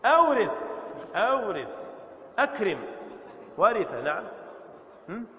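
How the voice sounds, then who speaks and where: A man with a high voice teaches a grammar class in a mosque. He drills verb forms and fires short questions at his students. The recording is muffled, with a long, roomy reverb. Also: lively intonation, a little hiss or hum. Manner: quizzes students with quick questions. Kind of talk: Arabic grammar lesson. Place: mosque hall. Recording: echoey muffled hall recording.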